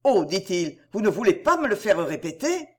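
A woman's voice: medium pitch, big pitch swings, normal speed, breathy edge. A woman reading aloud and voicing an earnest young male notary who is eager to confess to his intended.

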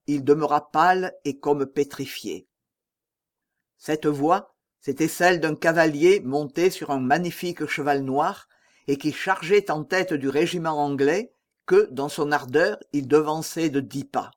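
Man, audiobook narrator, steady dramatic storytelling, higher pitch. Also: a little slow. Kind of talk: scripted narration.

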